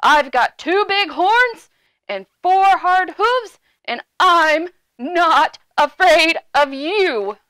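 A big, fearless billy goat, played by a woman telling a storybook tale. The voice is loud and bold, high-pitched and declaimed slowly. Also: animated, dry recording, exaggerated voice. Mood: defiant. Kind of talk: children's storybook character voice.

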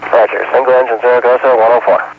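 A man, an astronaut aboard the spacecraft, giving brisk, clipped readbacks over a breaking-up space radio link. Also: medium pitch, steady tone. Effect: breaking-up space radio from orbit. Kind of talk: terse radio replies. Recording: thin phone-like radio with hiss.

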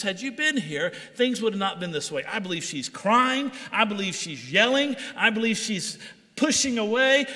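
A man's voice: high voice, sharp tone, long reverb tail. A man preaching a sermon, reading scripture aloud and then explaining it with rising intensity. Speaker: pastor. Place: church sanctuary.

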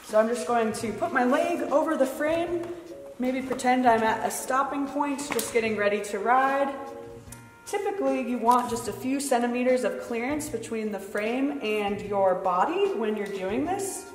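A woman's voice: fairly high pitch, normal speed. Young woman doing a how-to tour in a big echoey warehouse, lots of reverb, bit of music behind. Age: young adult. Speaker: bike shop tour guide. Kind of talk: explanatory walk-through tour. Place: large indoor warehouse. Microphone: clip-on chest mic. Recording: roomy empty warehouse echo, long reverb.

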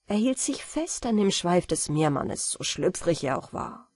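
A woman reading a fairy tale aloud as a calm, unhurried bedtime audiobook. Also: lowish voice, no room sound, clean studio sound. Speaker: audiobook reader.

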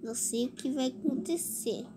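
High-voiced, chatty female channel host. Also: normal speed. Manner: chatty and excitable, thinking aloud. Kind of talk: casual reaction commentary over a video. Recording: loud background noise.

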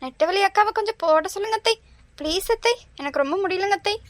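A woman's voice: extremely high pitch, fast, no room sound. A woman voicing a pleading, chatty young daughter-in-law in a cartoon. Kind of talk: cartoon voice acting.

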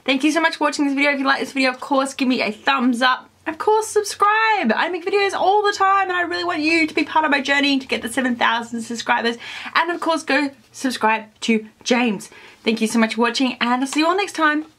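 A woman's voice: high voice, a little fast, a bit bright. An Australian woman chatting enthusiastically in a casual food taste-test vlog, full of "like" fillers. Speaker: food vlogger. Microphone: camera on tripod.

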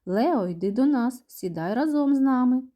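A gentle kindergarten teacher in a children's storybook, played by a woman reader. She speaks calmly and invitingly. Her voice is mellow with a lively lilt. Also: sits high, normal speed, voice pushed up. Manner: calm, inviting.

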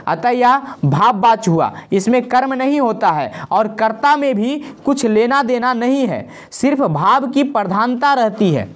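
A woman with a slightly high voice runs through an exam-prep grammar lesson. She states each rule, then lists short examples, pausing to check in with her students. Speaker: teacher.

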